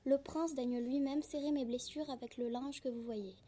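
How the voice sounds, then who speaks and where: A woman's voice: high-pitched, steady tone, moderate pace, mellow. A woman reading aloud the formal, earnest lines of a wounded young stranger in hiding. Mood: courteous.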